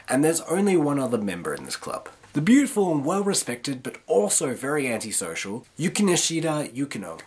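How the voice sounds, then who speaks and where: A woman presents a review in a hoarse, flu-roughened rasp. Her husky delivery swings widely in pitch as she talks through her points like a video host. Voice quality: raspy, rough voice from illness. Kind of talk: review to camera, semi-scripted.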